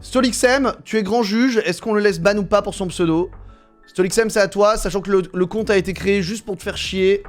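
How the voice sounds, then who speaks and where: A man's voice: high-pitched, fairly quick, faint music behind. A man with a French accent, streaming live, mocking and bluntly judging his chat in casual, crude talk.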